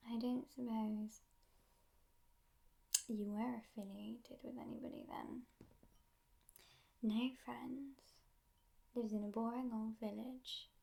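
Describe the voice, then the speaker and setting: Woman as a soft-spoken devil, husky and unhurried, ASMR role-play. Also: on the high side, full character voice. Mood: teasing, probing. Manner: unhurried, hushed, teasing, with musing pauses. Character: teasing devil in hell, mischievous but gentle.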